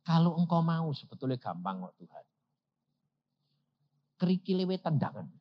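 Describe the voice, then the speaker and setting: An older man preaching, telling a story and acting out the dialogue with sudden loud, high jumps. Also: very animated, moderate pace, slight background noise. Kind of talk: storytelling sermon. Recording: dull lo-fi sermon recording.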